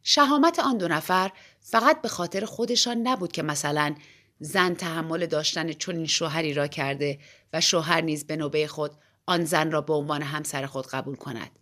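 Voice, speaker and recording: A woman narrating a short story as an audiobook reader, in a lively, animated first-person telling. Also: deep voice.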